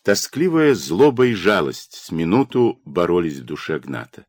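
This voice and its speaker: A man narrating an audiobook in an expressive way, recorded on a studio mic. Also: moderate pace, no room sound. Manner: expressive, with lively pitch. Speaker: audiobook reader. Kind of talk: scripted narration.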